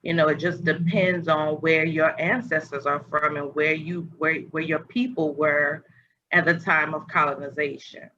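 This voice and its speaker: The podcast host's voice is low and steady, with a bright, forceful tone at normal speed. She meanders through a casual spiritual chat on a video call, hunting for words, and the dull lo-fi recording carries faint noise.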